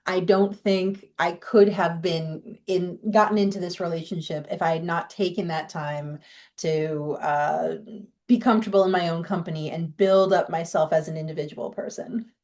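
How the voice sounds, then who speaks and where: A woman's voice: on the low side, fairly even intonation, moderate pace, darkish tone. Woman, faint Boston accent, chatty author guest, candid, frequent fillers and restarts. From Boston area, USA. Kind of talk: podcast interview.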